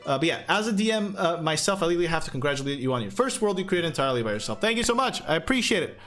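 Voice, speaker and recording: A man's voice: fairly high pitch, big pitch swings, rapid-fire, a bit bright. A young man hosting a livestream as game master, chatting casually and rambling with many fillers and restarts. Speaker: game master and stream host. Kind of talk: casual livestream chat, reading chat questions. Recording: faint music behind.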